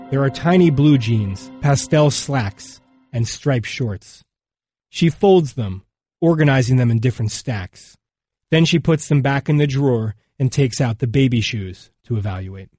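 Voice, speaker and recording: A man reading a magazine feature as scripted narration, in a measured, solemn way. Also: mid-range voice, expressive, dark tone, soft background music.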